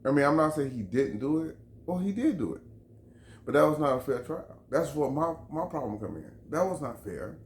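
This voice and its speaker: A man's voice: fairly high pitch, very animated, moderate pace, a little hiss or hum. Heated man ranting in an echoey room. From Chicago. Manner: heated, emphatic, profane, repeats himself. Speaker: vlogger. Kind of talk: opinion rant to camera. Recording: roomy echo, faint background ambience.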